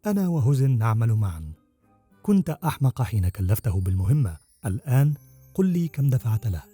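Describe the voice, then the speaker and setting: A man's voice: mid-range voice, very animated, fairly quick, warm tone, slightly rough, faint music behind. A man voicing a cunning, bold adult outlaw who speaks in a sly, self-assured way. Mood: demanding.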